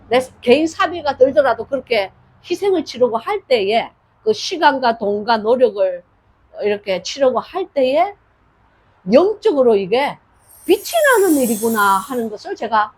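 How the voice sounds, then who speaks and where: Breathy woman pastor with lively pitch. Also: measured pace, poor audio. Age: older. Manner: storytelling, acts out dialogue with lively shifts in voice. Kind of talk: sermon.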